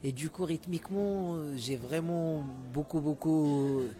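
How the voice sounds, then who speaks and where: Soft music plays behind this Moroccan musician guest, who speaks at a measured pace in a fairly high, warm voice. He's a native Moroccan Arabic speaker in a casual interview, often repeating words while finding terms.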